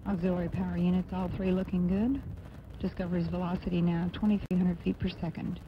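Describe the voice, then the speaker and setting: A man narrates a flight live from mission control in a flat, formal tone. His voice has a creaky edge. The sound is slightly dull, with faint noise behind it. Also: sits high. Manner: formal, measured, even announcing. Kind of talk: live technical flight commentary.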